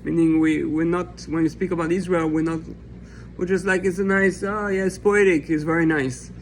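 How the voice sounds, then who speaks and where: A man's voice: on the high side, steady tone, moderate pace, slight background noise, poor audio. A man raised in France teaching a Torah lesson as a rabbi, reading a text aloud and explaining it in an earnest, impassioned way. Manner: earnest and impassioned, acting out imagined questions and answers.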